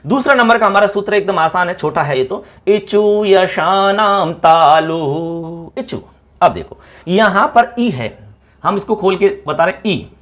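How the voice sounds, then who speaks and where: Lively male teacher quizzing students. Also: high-pitched, moderate pace. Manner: lively, repeats call-and-response questions to students. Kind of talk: classroom lesson.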